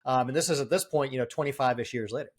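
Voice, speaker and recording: A man in his forties from the Boston area, a guest entrepreneur telling his story quickly with many fillers. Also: mid-range voice. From Boston area, US East Coast. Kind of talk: casual interview.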